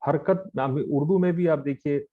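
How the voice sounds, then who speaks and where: A man's voice: fairly high pitch, moderate pace. A man teaching a Quran recitation lesson, speaking patiently and drawing out vowel sounds as he drills each letter. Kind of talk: slow spoken tajweed lesson. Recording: slightly dull lo-fi audio.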